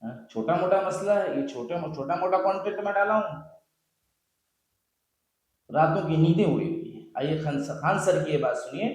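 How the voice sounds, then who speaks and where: A man's voice: fairly high pitch, normal speed, long pauses. Impassioned preaching man, very echoey room. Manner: preachy, repeats lines for emphasis. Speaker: video host. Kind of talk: impassioned social sermon.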